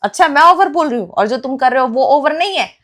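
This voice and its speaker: A woman playing a young wife who confronts her cheating husband with sharp, sarcastic accusations in a comic family skit. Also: high voice, animated, quick pace. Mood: accusing.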